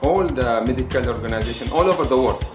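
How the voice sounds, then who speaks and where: A man's voice: mid-range voice, lively intonation. Man from the Emirates, echoey, over music. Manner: halting, repeats words while searching for them. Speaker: patient giving a testimonial. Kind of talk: testimonial interview. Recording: roomy echo with loud music bed.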